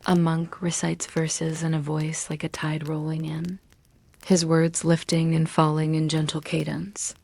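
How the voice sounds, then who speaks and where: A woman narrating a bedtime story in a soft, hushed, soothing voice, gently and with long pauses. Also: low-pitched, completely flat delivery, creaky, dry recording. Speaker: narrator of bedtime history stories.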